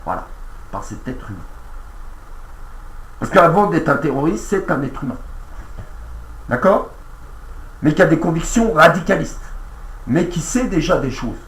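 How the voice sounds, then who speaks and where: A man's voice: fairly high pitch, sing-song, measured pace, pauses often, fairly bright tone. A man in a casual monologue, earnest and repetitive, speaking directly to the president while reacting to a radio clip. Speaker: online commentator. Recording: roomy echo.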